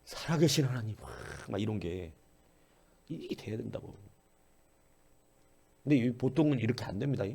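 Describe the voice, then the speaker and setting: A male pastor delivering an early-morning sermon in a lively, wide-ranging voice that carries a gravelly rasp. He swings from loud exclamations down to near-murmurs. He piles rhetorical questions on his listeners. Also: on the low side, normal speed, pauses often.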